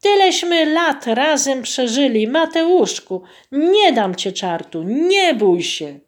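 Woman doing a brisk, clever peasant wife. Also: a little high, big pitch swings, a little mellow. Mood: urgent.

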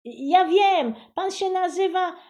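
A woman voicing a loud, boastful little girl who shouts and interrupts. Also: a little high, animated, drawn-out words, voice pushed up, exaggerated voice. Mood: shrill boastful.

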